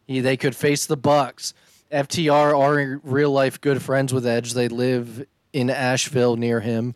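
A man's voice: mid-range voice, flat delivery, measured pace, no room sound. A man hosting a podcast, chatting casually and rambling through a news recap. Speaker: podcast host. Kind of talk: casual chat.

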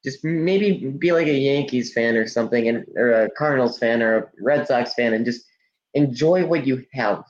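A man's voice: mid-range voice, moderate pace. A teenage boy co-hosting a casual podcast, teasing his friend and listing with many uhs. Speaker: podcast co-host. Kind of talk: casual chat. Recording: echoey, dull lo-fi mic.

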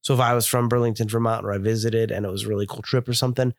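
A man's voice: lowish voice, steady tone, rapid-fire, no room sound, studio quality. A man co-hosting a casual beer review podcast, talking in an enthusiastic, descriptive way while stuffed up from a cold. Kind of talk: casual chat.

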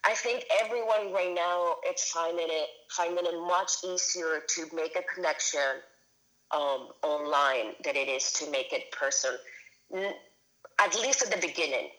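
A Venezuelan woman in her thirties, a filmmaker appearing as an interview guest, speaks casually with lots of fillers and restarts. Her voice is low and a bit bright, delivered at a moderate pace, though the audio quality is poor.

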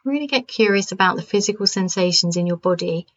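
A woman with a mid-pitched voice leads a calm grounding exercise. She gives gentle, permissive instructions and leaves unhurried pauses between phrases. The recording is somewhat dull and lo-fi. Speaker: wellness coach leading a mindfulness practice.

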